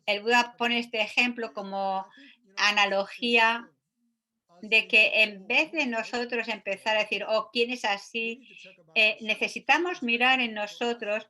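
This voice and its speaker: A woman gives a Buddhist teaching on a sutra, reading passages aloud and pausing often on filler sounds. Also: on the high side, steady tone, bright, forceful tone.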